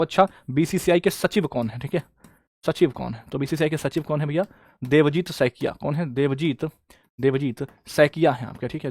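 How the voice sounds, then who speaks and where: A man's voice: fairly high pitch, no echo. Quizzing male coaching teacher, dry close mic. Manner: quizzing students, repeating answers. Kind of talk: live online class.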